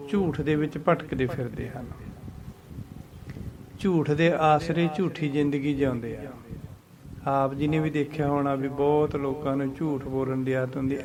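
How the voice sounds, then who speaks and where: A man teaching scripture pronunciation, patiently chanting verses slowly and explaining them. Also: a little high.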